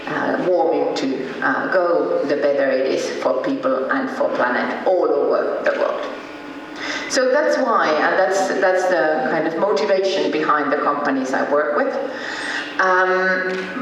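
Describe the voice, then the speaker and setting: A man's voice: fairly high pitch, fairly bright tone, slight background noise. Finnish male presenter, hesitant delivery, far mic, heavy hall echo. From Finland. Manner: hesitant, many ums and uhs. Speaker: conference speaker. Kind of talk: conference presentation. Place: large conference hall.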